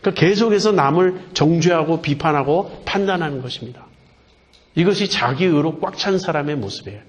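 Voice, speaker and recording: A male pastor preaching a sermon in an earnest way. He asks questions and answers them himself, and slows down to stress key words. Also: a little high, expressive.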